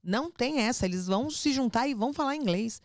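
A woman's voice: a little high, animated, quick pace, no echo, studio quality. A woman with a Brazilian accent, a mother who gives advice in casual conversation, making her points emphatically and repeating them firmly. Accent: Brazilian Portuguese. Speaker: mother giving parenting advice. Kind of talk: casual podcast chat.

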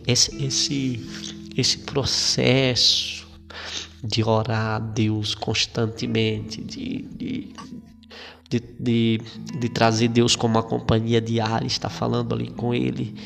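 Gravelly man preaching casually. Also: mid-range voice. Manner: conversational, colloquial, with frequent fillers and repetitions. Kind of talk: informal sermon. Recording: long reverb with faint guitar.

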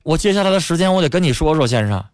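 A man's voice: on the high side, very animated, rapid-fire, no echo, clean studio sound. A man hosting a radio call-in advice show, bluntly scolding and lecturing callers. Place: radio studio.

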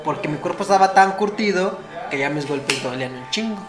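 A man's voice: a little high, animated, a little fast, over music. Swearing Mexican man in a roomy space. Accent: Mexican Spanish. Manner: swearing, storytelling, says güey constantly. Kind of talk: casual crude banter.

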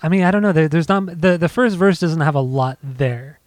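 A man's voice: a little high, brisk, no room sound, studio quality. Winded man rambling on a podcast. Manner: rambling, many restarts and fillers. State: out of breath after a bike ride. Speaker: podcast co-host. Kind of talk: casual music podcast chat. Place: home.

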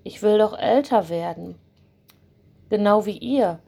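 A woman's voice: mid-range voice, unhurried, gravelly. A woman voicing a shy young talking fir tree. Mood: worried. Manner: soft, apologetic.

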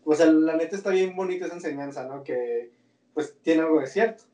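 A man's voice: fairly high pitch, steady tone, fairly quick, dark tone, far from the mic. A man with a Mexican Spanish accent, co-hosting a casual chat, talking in slang and often restarting his sentences. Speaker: podcast co-host. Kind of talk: casual chat about a cartoon series. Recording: roomy sound, set back from the mic.

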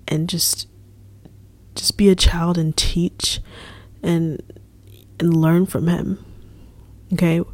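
A young woman speaks as a ministry leader in a casual devotional talk, slow and earnest, repeating her points. Her voice sits a little low and sounds mellow. She often slips into a soft, half-whispered delivery. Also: breathy edge, no echo. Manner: earnest, repetitive, soft-spoken with whispery stretches.

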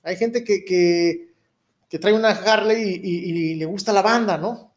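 A man's voice: high voice, a little slow. A Mexican man in his thirties hosting a casual podcast, rambling in street slang and often checking for agreement. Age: 30s. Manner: rambling, keeps seeking agreement with tag questions. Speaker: podcast host.

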